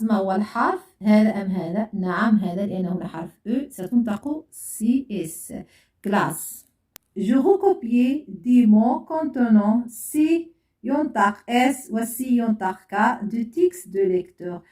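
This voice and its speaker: A woman's voice: a little high, expressive, measured pace, a little mellow. A woman teaching a French lesson, patiently repeating and spelling out sounds for pupils. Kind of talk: classroom lesson. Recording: echoey room, voice far from mic.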